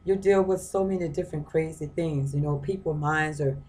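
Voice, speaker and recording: Woman, lowish voice, conversational lecturer who circles back on phrases and asks rhetorical questions. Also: normal speed, darkish tone, low-quality recording. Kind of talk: informal lecture on a reading. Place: her home.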